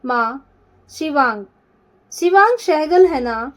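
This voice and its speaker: A woman's voice: sits high, lively intonation, takes it slowly. A woman voicing a frightened young woman who pleads through tears. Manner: pleading, trembling with fear.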